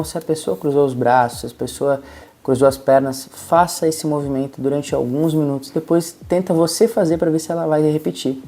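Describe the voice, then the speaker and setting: A man's voice: a little high, dark tone. A man with a Brazilian Portuguese accent, giving a patient, step-by-step lesson as a communication coach. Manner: patient, encouraging, explains step by step. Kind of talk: instructional talk to camera.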